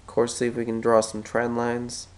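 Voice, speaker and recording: A stock market analyst with a stuffy head cold clears his throat while thinking aloud in a screen-recorded chart tutorial, often correcting himself as he draws. His medium-pitched voice is monotone, smooth and a little mellow, at a moderate pace.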